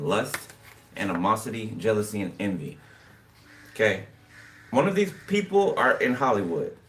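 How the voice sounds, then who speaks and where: A man giving a casual tarot reading, rambling and repeating "okay" and "you know" as he talks to his viewers. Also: on the low side. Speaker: tarot card reader. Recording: distant mic with background noise. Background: birds chirping.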